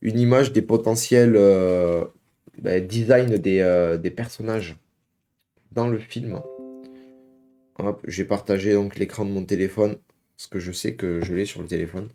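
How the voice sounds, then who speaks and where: A young man talks casually into the mic from his home, reacting for his viewers. His voice sits fairly low and sounds dark and mellow. He rambles along with frequent hesitations and filler words, calling his audience "guys.". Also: steady tone, unhurried, soft background music. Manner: chatty, many hesitations, addresses viewers as "guys". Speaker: video reaction host.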